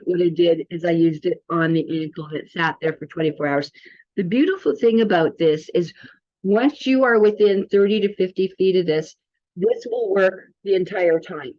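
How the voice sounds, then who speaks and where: A woman with a fairly low, darkish voice chats informally and rambles as she presents a casual tutorial for a wellness app. The audio is dull and lo-fi.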